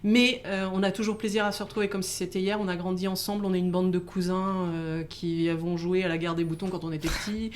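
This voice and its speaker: Low-voiced middle-aged woman, halting interview talk. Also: little pitch movement, slight background noise. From born in Italy, raised in France. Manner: hesitant, many fillers and restarts. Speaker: guest. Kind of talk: casual interview.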